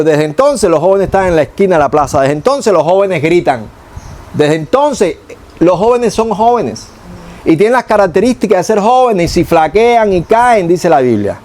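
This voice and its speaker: High-voiced preacher. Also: male voice, moderate pace. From Cuba. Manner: animated preaching, acts out prayers in a low hushed voice and boastful ones higher. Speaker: pastor. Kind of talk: sermon.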